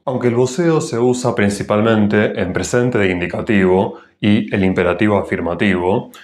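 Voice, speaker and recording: A man with a Rioplatense accent hosting a grammar lesson, explaining slowly and carefully pronouncing each example word. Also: on the low side, a little mellow. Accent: Rioplatense Spanish. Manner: slow, deliberate, enunciating example words. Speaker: Spanish teacher and channel host. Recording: echoey room.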